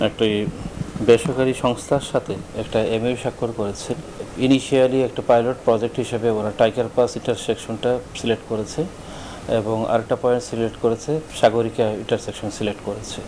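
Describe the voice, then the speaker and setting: A man official interviewed for the news, speaking hesitantly with many pauses. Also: medium pitch, steady tone, noisy background.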